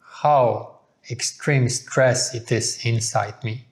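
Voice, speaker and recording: As co-host of a couple's video channel, a man with a middling pitch speaks to viewers in a relaxed chat. He lays out his thoughts in a measured, earnest way.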